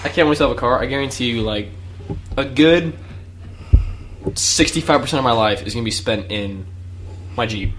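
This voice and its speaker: A man's voice: medium pitch, normal speed, long pauses, background noise. A teenage boy co-hosting a casual chat show, tossing out dry, playful comebacks. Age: teens. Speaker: co-host.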